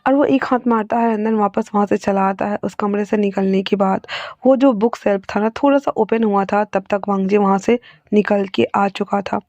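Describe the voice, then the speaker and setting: Woman storyteller, casual chatty narration, mellow tone, dry close sound. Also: medium pitch, normal speed, no room sound, highs cut off. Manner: chatty, with fillers and asides.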